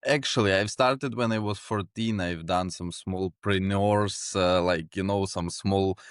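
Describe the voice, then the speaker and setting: A man in his twenties from Ukraine, a guest in a casual interview, talking in a relaxed way with many fillers and small chuckles. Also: low voice, measured pace, smooth, no room sound, clean studio sound. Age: 20s. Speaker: guest, sales executive.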